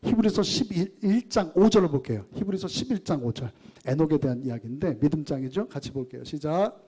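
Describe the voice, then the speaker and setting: Middle-aged male pastor, somewhat high but dark-toned voice, questioning and call-and-response preaching style. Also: fairly quick, breathy edge. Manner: asks the congregation questions and leads them in reading scripture; lively, shifting between raised and low quiet phrases. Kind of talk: sermon.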